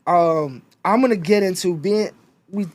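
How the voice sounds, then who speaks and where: A man's voice: sits high, measured pace. A man hosting a podcast, mostly giving short, supportive responses during casual interview talk. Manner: brief supportive backchannels. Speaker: podcast host.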